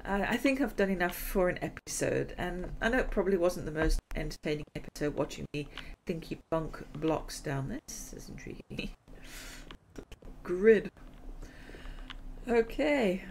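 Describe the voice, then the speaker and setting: A middle-aged woman hosts a gaming channel, rambling and laughing often as she chats over gameplay while losing her voice. Her voice is lowish with vocal fry, at a normal speed, and there's slight background noise.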